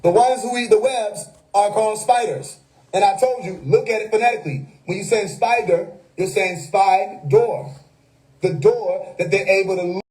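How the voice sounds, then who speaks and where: A man's voice: high voice, normal speed, a little mellow, low-quality recording. A man, hosting a casual livestream monologue that preaches hidden meanings with wordplay and frequent laughter. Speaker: livestream host. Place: home.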